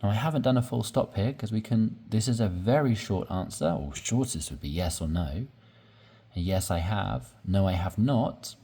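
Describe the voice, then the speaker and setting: A man teaching English, slowly explaining sentence patterns and repeating examples with patience. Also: lowish voice, expressive, warm tone, husky. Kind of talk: slow explanatory lesson.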